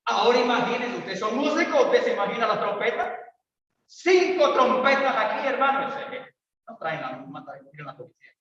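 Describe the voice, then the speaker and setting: A pastor preaching an evangelistic sermon, swinging between loud calls and quiet asides. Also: male voice, very high-pitched, sing-song, normal speed. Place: church hall. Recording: echoey church hall, distant mic, dull sound.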